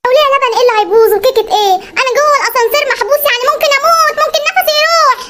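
Voice actor doing a high, fast-talking Egyptian cartoon husband, whiny and exasperated. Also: fairly bright tone. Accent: Egyptian Arabic. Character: grumbling stuck Egyptian husband. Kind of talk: comedy cartoon voice acting.

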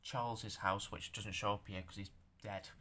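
A young man talking through his handmade stop-motion figures in a casual show-and-tell, halting and stammering, swearing now and then, self-conscious about speaking out loud. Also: lowish voice, steady tone.

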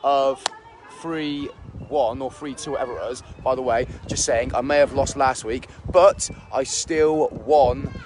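A man hosting a live stream from a holiday park outdoors, energetic and chatty, greeting viewers by name, recorded on a phone. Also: mid-range voice, a little slow, noisy background. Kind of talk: upbeat live stream chat.

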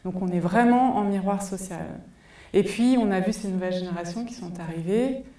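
A woman's voice: mid-range voice, brisk, dark tone. A woman in her forties giving a conference talk, thoughtful and full of hesitation fillers, on a headset mic in a large cinema hall. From France. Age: 40s. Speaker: conference speaker. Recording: echoey hall, voice from far off.

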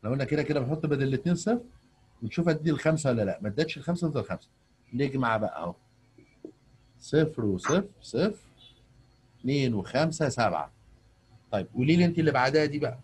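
Egyptian guy tutoring a kid on a video call, quick husky voice, keeps nudging her to answer. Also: medium pitch, lively intonation, darkish tone. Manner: patient, coaxing questions to a young pupil. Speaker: math teacher. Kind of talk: online tutoring lesson.

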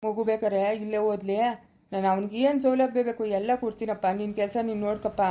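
A woman's voice: mid-range voice, steady tone, quick pace, mellow, natural voice. A woman playing a firm, middle-aged male village elder in a rural family drama.

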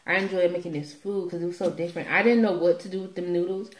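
Speaking fast with a steady tone and a fairly low pitch, this young woman rambles playfully to camera in a folksy manner while hosting an eat-with-me vlog. She's in a small room indoors, and her phone picks up a roomy echo.

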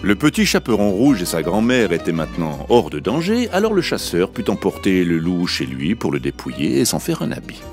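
A man reading a fairy tale aloud for children, in a gentle, unhurried, expressive storytelling manner. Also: low voice, music in the background.

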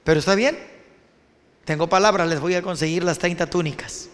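Animated Mexican pastor preaching to students, high voice, big echoing auditorium. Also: male voice, a little fast. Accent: Mexican Spanish. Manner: animated, addresses students directly. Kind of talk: sermon.

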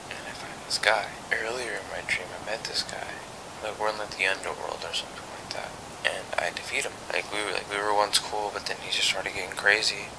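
A young man telling a rambling story to camera late at night in a hushed, half-whispered voice, swearing casually. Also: low-pitched, gravelly, background noise. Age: young adult. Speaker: vlogger. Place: small bedroom at night, indoors.

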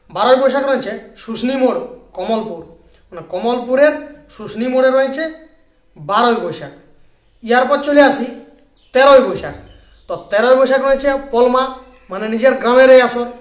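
A man's voice: very high voice, roomy sound. A man reading a booking list aloud in a repetitive, patterned way and asking listeners to comment. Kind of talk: read-aloud list, informal narration.

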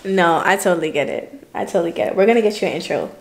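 A woman's voice: fairly low pitch, rapid-fire, a little hiss or hum. A woman hosting a casual vlog, chatting loosely with plenty of fillers. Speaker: vlogger host. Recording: echoey room.

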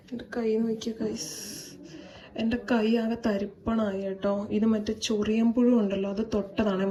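A woman's voice: medium pitch, dark tone, dull audio. A woman, chatting to her viewers in a casual family vlog. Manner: chatty, addresses viewers, frequent "kettō" tags. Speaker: vlogger.

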